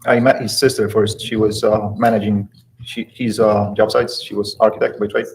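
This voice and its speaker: A man in his forties from Poland with a Polish accent, giving quiet, hesitant testimony as a witness in a courtroom. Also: lowish voice, level tone, moderate pace, creaky, slight background noise, low-quality recording. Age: 40s. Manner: quiet, hesitant, short answers.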